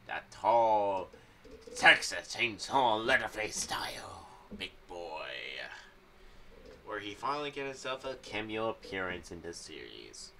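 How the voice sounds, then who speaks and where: A young man chats loosely about a horror audio series for his YouTube channel, rambling, stopping short and often saying things twice. His voice is lowish, pushed and bright. Recorded in a small home room on a condenser mic with a pop filter on a boom arm, he sounds far off, with faint noise behind him.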